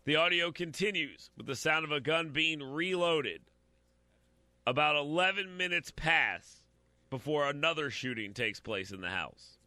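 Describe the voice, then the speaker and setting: A man's voice: a little high, unhurried, bright, forceful tone, no room sound. A man giving blunt, opinionated commentary while reading out a news story, talking straight to his audience and stumbling over repeated words.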